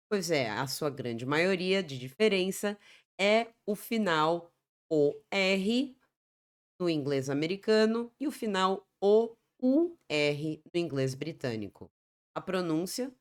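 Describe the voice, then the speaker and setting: Uma mulher, professora de inglês com sotaque brasileiro, dando uma aula explicativa em português e repetindo palavras de exemplo devagar. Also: female voice, on the low side. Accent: Brazilian Portuguese. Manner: explanatory, repeats example words slowly. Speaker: English teacher. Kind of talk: Portuguese-language English lesson.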